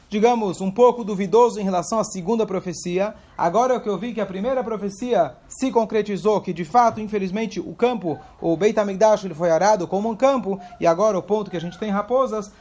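Male religious teacher, high-pitched, explanatory, rhetorical questions. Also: a little mellow. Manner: explains step by step, asks questions aloud. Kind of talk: Torah class.

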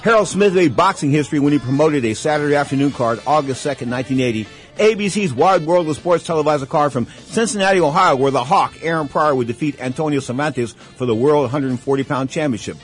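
Male boxing radio host, raised pitch, emphatic showman delivery, ring-announcer flourishes, music behind. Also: fast talker. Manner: emphatic, showman-like, repeats catchphrases. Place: radio studio.

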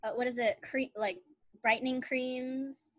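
A woman in her thirties chatting on a podcast in a bubbly, giggly way. Her voice sits a little high. The sound is dry and close, with no room echo. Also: fairly even intonation, unhurried. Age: 30s. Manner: giggly, bubbly storyteller who laughs often. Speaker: podcast co-host. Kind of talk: casual chat.

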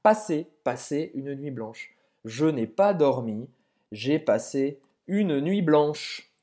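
A woman with a low, mellow voice co-hosts a podcast language lesson. She speaks slowly and says French words over and over, and her pitch moves widely as she shows how to pronounce them. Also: animated. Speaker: co-host and French teacher.

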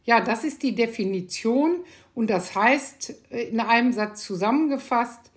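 A woman's voice: on the high side, measured pace, husky. An older woman, an architect hosting her own podcast, speaking in a thoughtful, hesitant way with many filler sounds. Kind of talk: casual monologue.

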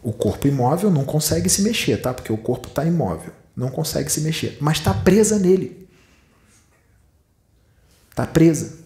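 A man's voice: a little high, sing-song, normal speed, gravelly, long pauses, mellow. A man with a Brazilian Portuguese accent giving a spiritual teaching talk, telling vivid stories and speaking straight to his listeners. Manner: dramatic storytelling, addressing listeners directly. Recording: roomy echo.

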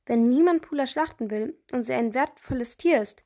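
A woman's voice: normal speed, a little mellow. A woman reading aloud, voicing a hesitant adult neighbor woman in a children's story. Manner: hesitant, slightly lower.

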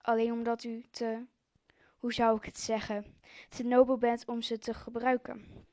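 A woman reading the lines of a calm, wise old male wizard headmaster in a storybook, slowly and with small slips. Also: on the high side, no room sound. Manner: read aloud slowly with slips.

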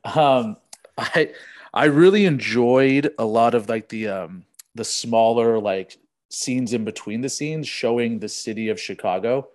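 Relaxed man in casual podcast chat. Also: mid-range voice, measured pace. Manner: relaxed, chuckling, loose swearing. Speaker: podcast guest.

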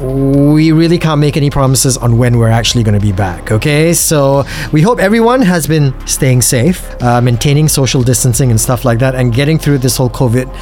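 A man's voice: mid-range voice, expressive, brisk, hardly any pauses, a little mellow. A Singaporean man speaking as a paranormal radio host, chatting casually to listeners and his co-host in podcast style. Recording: music bed behind the voice.

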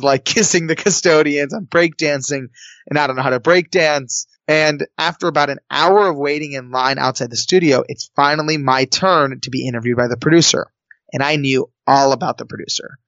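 Brief: lively male storyteller, comic and quick, dry close audio, a bit dull. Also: fairly high pitch, dry recording. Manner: lively, comic, jumps into quoted voices. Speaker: guest telling a personal story. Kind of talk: animated conversational storytelling.

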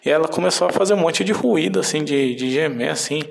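A man's voice: fairly high pitch, quick pace, gravelly. A man with a Brazilian Portuguese accent telling a story casually in a meandering, hesitant way.

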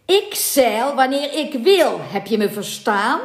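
A woman voicing a big, domineering male ship captain who bellows his orders slowly and emphatically. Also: on the high side, very animated, pitched above the performer's own voice, full character voice. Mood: furious. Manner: shouting orders, slow and emphatic. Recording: echoey room.

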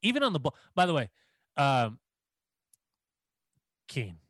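A man co-hosting a football podcast, enthusiastic and quick to laugh. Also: medium pitch, very animated, fairly bright tone, no echo, studio quality. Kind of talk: casual football chat.

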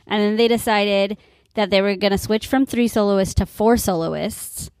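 A middle-aged woman with vocal fry, co-hosting a casual podcast chat as a mother of a young performer. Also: medium pitch, normal speed, a little mellow, dry recording, clean studio sound.

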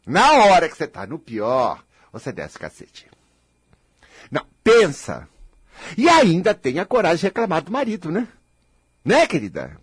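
A man's voice: a little high, wildly swooping pitch, husky, no room sound. A man with a Brazilian Portuguese accent gives a motivational talk to an audience. He is blunt and scolding, and he provokes his listeners by mocking their complaints. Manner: mocks listeners' complaints in quick impressions. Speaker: self-help speaker.

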